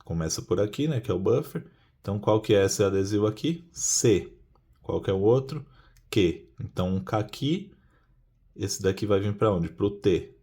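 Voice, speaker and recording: A man's voice: on the low side, expressive, normal speed, dark tone, slightly rough. A man explaining a puzzle-cube method step by step in a casual hands-on tutorial, often asking rhetorical questions.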